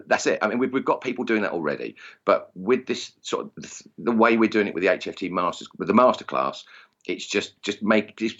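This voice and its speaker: A man with an Essex accent, a target shooting instructor appearing as an interview guest, chats casually in a self-deprecating, jokey way. His voice is lowish and a bit bright, and the highs are cut off.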